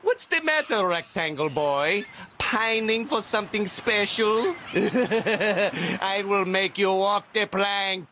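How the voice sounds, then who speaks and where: An actor voicing a tiny, scheming plankton villain in a cartoon game, scornful and sneering in manner. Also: male voice, high voice, slow pace, slight background noise, exaggerated voice. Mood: gloating. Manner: sneering, forceful.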